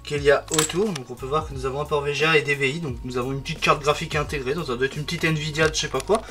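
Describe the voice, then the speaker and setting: A man's voice: on the high side, steady tone, very fast, pushed and bright, faint music behind. A man presenting a casual hands-on tech vlog, talking as he takes apart a computer, rambling and correcting himself often. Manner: rambling, self-correcting, fond of "donc". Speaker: tech video creator.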